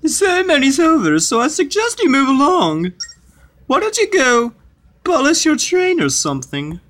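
A man's voice: extremely high pitch, huge pitch swings, moderate pace, fairly bright tone, voice pushed up, exaggerated voice. Man doing a sneering little chancellor. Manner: sneering, condescending read. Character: short scheming male chancellor, snide.

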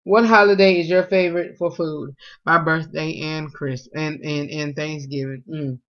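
A young man vlogs casually from a small room at home, reading food questions aloud and answering them with plenty of fillers. His voice is a little high, with a steady tone and moderate pace. The close-range webcam gives the lo-fi audio a dull quality.

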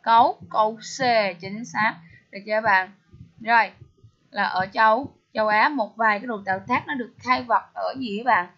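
A woman's voice: fairly high pitch, moderate pace, fairly bright tone. A woman teaching English through a test walkthrough, often asking her listeners questions. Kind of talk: TOEIC test walkthrough lesson. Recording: slightly dull lo-fi audio.

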